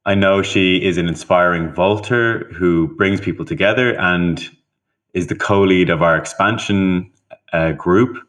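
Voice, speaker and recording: A man from Ireland, a podcast guest, nominating the next guest in an earnest, measured way. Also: low voice, fairly bright tone.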